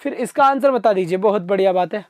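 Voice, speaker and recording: A man teaching an exam-prep vocabulary class live online, coaxing his students to answer quickly and replying to their comments. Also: high voice, dry recording, clean studio sound. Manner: reads out viewer comments and answers them.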